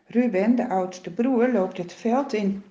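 A woman telling a children's Bible story in a slow, expressive way, with dramatic rises and falls. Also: fairly high pitch. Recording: roomy, dull lo-fi sound.

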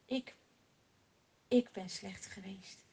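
Hushed, humble old king from a Bible story, as a breathy woman narrator puts him on, slow and soft. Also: mid-range voice, heavily acted. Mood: prayerful.

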